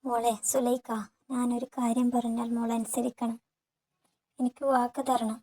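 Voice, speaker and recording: A woman voicing an elderly, ailing father-in-law who begs forgiveness through tears, slow and heavy. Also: a little high, completely flat delivery, dark tone, husky, poor audio. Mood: earnest. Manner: pleading, weeping, slow and heavy.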